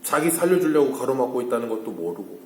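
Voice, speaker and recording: Male pastor at a dawn service, mid-pitched voice, roomy echo, faint background hum, poses questions and answers them himself. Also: big pitch swings, fast talker. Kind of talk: early-morning sermon. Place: church sanctuary.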